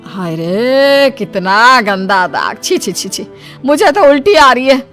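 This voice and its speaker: A woman playing a sharp-tongued cartoon mother-in-law, high-voiced and sneering, who spits out her scorn. A faint music bed runs under her. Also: very animated, slow, heavily acted. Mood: taunting. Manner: scornful, taunting. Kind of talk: cartoon voice acting.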